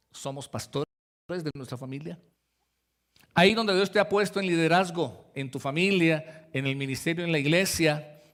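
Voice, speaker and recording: A man's voice: on the high side, fairly bright tone. A man preaching a sermon as pastor, talking to the congregation in a conversational way and acting out the voices he quotes. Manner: conversational preaching, addresses listeners directly, acts out quoted voices.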